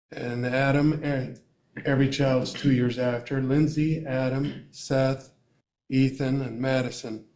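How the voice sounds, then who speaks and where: An older man speaking at a school board meeting, emotional and tearful, rambling with many pauses and fillers. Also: mid-range voice, a little mellow. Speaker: parent addressing school board. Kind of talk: public comment at a meeting. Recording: echoey meeting room.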